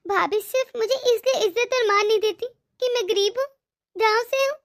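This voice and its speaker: A woman's voice: very high voice, moderate pace, no echo, studio quality. A woman voicing a humble village woman who feels unwanted by her relatives. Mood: sad. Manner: soft, self-effacing.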